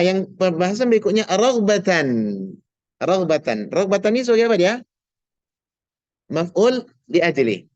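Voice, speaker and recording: A man's voice: on the high side, darkish tone, dry recording, lo-fi sound. Patient man teaching Arabic. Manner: patient, asks students questions, slow drawn-out example words. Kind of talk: online grammar class.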